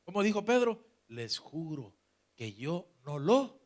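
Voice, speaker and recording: A male pastor, preaching a dramatic sermon that swings from loud exclamations to hushed asides. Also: on the high side, big pitch swings, slow.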